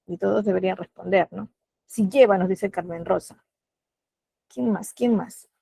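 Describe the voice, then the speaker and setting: A woman's voice: medium pitch, normal speed, gravelly, dark tone, slightly rough, no echo. A middle-aged woman with a Peruvian Spanish accent teaching an online class, patiently asking questions and calling on students by name.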